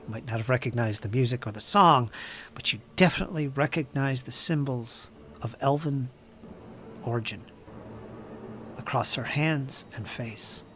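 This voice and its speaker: A man running a tabletop game as game master, narrating scenes in a deliberate, descriptive way with a shifting pace. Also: medium pitch, noisy background.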